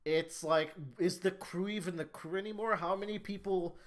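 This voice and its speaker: A man's voice: high-pitched, steady tone, normal speed. A man co-hosting a podcast in casual chat, eagerly steering the discussion along. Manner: enthusiastic, steers the talk. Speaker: podcast co-host.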